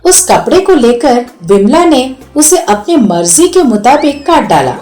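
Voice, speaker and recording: A woman narrating a cartoon story in a slow, expressive storytelling manner. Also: high voice, echoey room, faint music behind.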